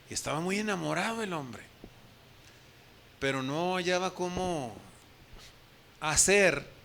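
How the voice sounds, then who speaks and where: A man's voice: fairly high pitch, sharp tone. A man preaching a sermon as a pastor, asking the congregation direct questions and acting out the quoted speech of the people in his story.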